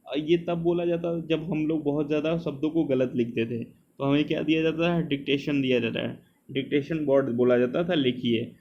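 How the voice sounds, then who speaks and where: A man's voice: fairly high pitch, darkish tone. Man drilling exam terms. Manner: repetitive, drills terms by repeating them. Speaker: exam prep teacher. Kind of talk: exam coaching lesson. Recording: slightly dull lo-fi sound, faint noise.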